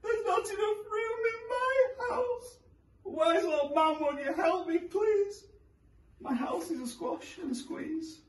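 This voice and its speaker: A man voicing a fretful little old woman who wails and pleads in a shrill voice. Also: slow. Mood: pleading. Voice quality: shrill, wailing. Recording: roomy, from a distance.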